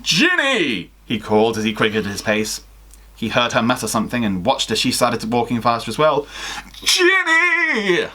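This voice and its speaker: In a small attic bedroom, a young adult man serves as a guest reader of listener fan fiction, performing the story theatrically and acting out the dialogue. His voice is on the low side and a bit bright, with a steady tone and brisk pacing.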